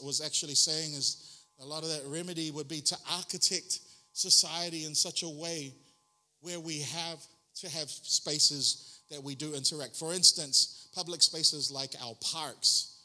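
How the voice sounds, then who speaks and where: Bright-voiced New pastor preaching. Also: male voice, a little high. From New Zealand. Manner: chatty, self-deprecating, frequent ums and restarts. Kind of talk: sermon.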